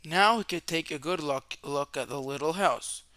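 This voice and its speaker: Speaking in a slightly high voice, a man reads a storybook aloud for young listeners, narrating with expression, drawing out words and asking dramatic questions. There's no room sound.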